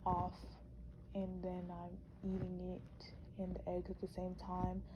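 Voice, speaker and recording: A woman's voice: mid-range voice, dark tone, a little hiss or hum, rough recording. A young woman narrating her vlog in a chatty, informal, casual voice-over. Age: young adult. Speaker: vlogger.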